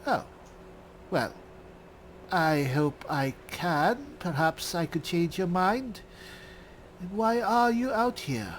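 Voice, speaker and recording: A man voicing an elderly male high elf spellsword in a game roleplay, speaking with genteel, self-assured courtesy. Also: lively intonation, slow pace, long pauses, a little hiss or hum, rough recording.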